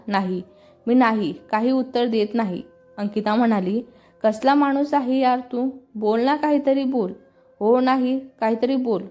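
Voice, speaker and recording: A woman's voice: a little high, warm tone. A woman reading a story aloud as scripted narration, speaking all the characters' lines in her own voice.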